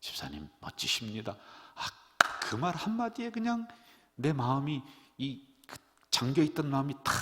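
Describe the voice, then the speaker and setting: A middle-aged man preaching as a pastor, animated, leading his congregation in call-and-response. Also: medium pitch. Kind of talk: sermon. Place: church sanctuary. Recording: long church-hall reverb.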